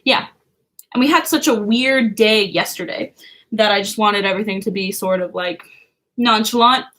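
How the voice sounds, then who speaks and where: Celebrating her birthday on a livestream indoors at home, a young host talks with her viewers in a relaxed way, laughing often and filling her speech with "like." She has a mid-range, somewhat bright voice at a normal speed.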